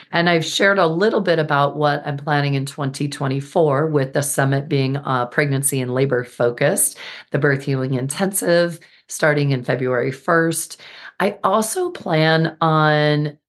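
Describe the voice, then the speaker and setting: A woman with a very deep voice, talking through a solo podcast episode. She sounds a little hoarse and squeaky after being sick, yet stays earnest and upbeat, with a few fillers here and there. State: slightly hoarse after illness. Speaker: podcast host and birth healing educator.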